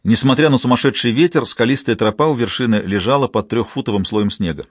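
A man reading an audiobook in even, measured scripted narration. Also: medium pitch, dry recording, studio quality.

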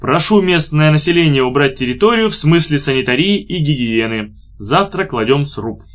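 A man's voice: on the high side, expressive, normal speed, close to an everyday voice. A man voicing a pompous middle-aged army officer who speaks in stiff, officious phrases.

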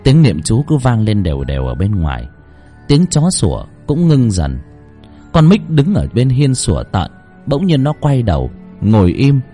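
A man's voice: lowish voice, warm tone. A man narrating a horror story with dramatic, tense delivery.

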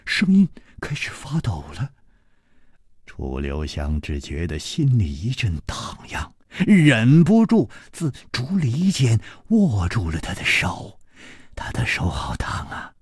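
A male storyteller narrates with an expressive, drawn-out radio delivery. His husky voice swings widely in pitch at a slow pace. The studio sound is dry and close. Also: dry recording.

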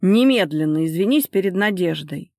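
A stern, restrained grown man in an audiobook drama, played by a woman narrator. He speaks firmly and in clipped words, a little louder than the narration. The recording is dry and close. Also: on the low side, lively intonation, normal speed, no room sound.

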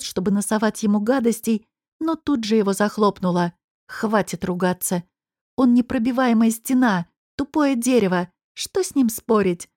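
A woman narrating a first-person audiobook in a lively storytelling manner. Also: medium pitch, no room sound, studio quality.

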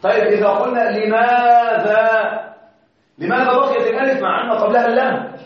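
A high-voiced man teaches an Arabic grammar class, repeating each example slowly and asking his students whether they follow. He chants quoted verses in a recitation tone. The recording is dull and distant, with a very echoey room around him. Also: steady tone.

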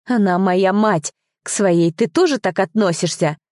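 A woman voicing a defiant, tearful young bride in an audiobook, pleading in a high, strained voice. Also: a little slow, a little mellow, no echo, clean studio sound, natural voice. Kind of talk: audiobook character voice.

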